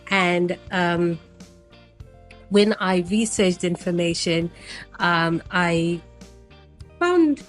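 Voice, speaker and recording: A woman's voice: lowish voice, animated, very slow, long pauses, faint music behind. A woman from Zimbabwe, around her thirties, chatting casually to camera as a travel vlogger, meandering with frequent ums. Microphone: new personal microphone set.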